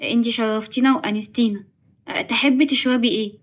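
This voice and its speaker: A woman's voice: fairly high pitch, fairly even intonation, fast, muffled recording, lightly acted. A woman voicing a kind, shy young bride who speaks politely and nervously, with an Egyptian accent. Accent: Egyptian Arabic.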